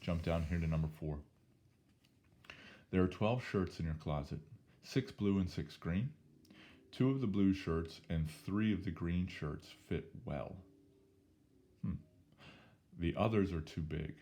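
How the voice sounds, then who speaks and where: A hoarse male teacher with a very low voice walks through math problems at an unhurried pace. He keeps it casual and chatty in this recorded lesson. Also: dark tone. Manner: casual, chatty, talks through each step. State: hoarse, losing his voice. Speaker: statistics teacher.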